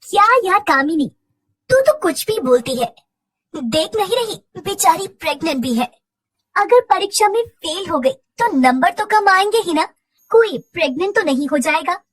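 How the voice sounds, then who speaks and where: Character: sensible teenage schoolgirl, voiced by a woman. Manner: gently chiding. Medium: cartoon story. Pitch: high. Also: expressive, a little slow.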